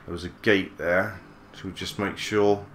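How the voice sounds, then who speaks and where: A man giving relaxed let's play commentary, musing aloud with mild swearing. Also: sits low, moderate pace, slight background noise. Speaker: gaming channel host.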